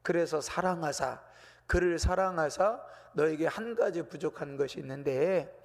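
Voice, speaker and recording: Male pastor, sermon, raised pitch, gravelly edge, long church reverb. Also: moderate pace. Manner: explains a text patiently, addressing the congregation directly. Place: church sanctuary.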